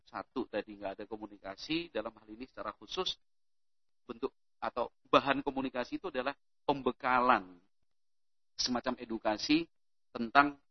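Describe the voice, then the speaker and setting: A man gives an animated religious talk to parents, turning often to address his listeners directly. His voice sits in an ordinary middle pitch. The recording sounds dull and very dry, with no room echo. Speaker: Islamic boarding school speaker addressing parents.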